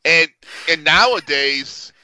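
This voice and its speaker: Male podcast co-host, piercingly bright, informal blunt chat, dry recording. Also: fairly high pitch, lively intonation, slow pace, smooth, no room sound. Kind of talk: casual chat.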